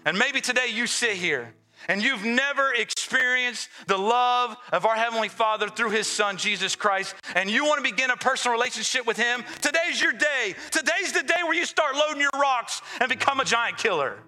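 Booming, high-pitched male motivational preacher. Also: animated, normal speed, pushed and bright. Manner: emphatic, repetitive exhortation. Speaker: pastor. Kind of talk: sermon. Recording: music playing under the voice. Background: music.

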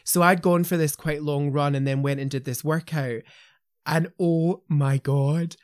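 A man's voice: on the high side, measured pace, no echo, studio quality. Chatty man hosting a vet podcast. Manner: chatty, animated storyteller. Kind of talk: casual podcast chat.

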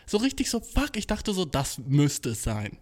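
With a slightly high, slightly mellow voice whose pitch swoops wildly, a young man hosts a casual solo podcast at normal speed. Recorded on a cheap phone in a makeshift home studio, he talks in thick slang full of English swearing, "Bro," and "Dude."

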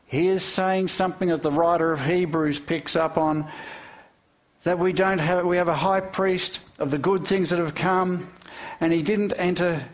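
Man, pastor, sermon, lively storytelling, questions to the congregation, slightly high pitch. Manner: animated storytelling with rhetorical questions and chuckles.

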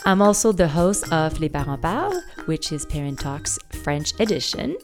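A woman's voice: sits low, big pitch swings, normal speed, soft background music. A woman hosting a parenting podcast, welcoming guests and leading the conversation. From Canada. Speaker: podcast host.

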